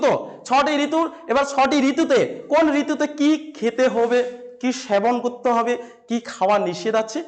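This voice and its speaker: A man gives a lesson in a very high voice. He asks questions and answers them himself. He repeats each key term slowly so his students can follow. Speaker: teacher. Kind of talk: classroom-style lesson to camera.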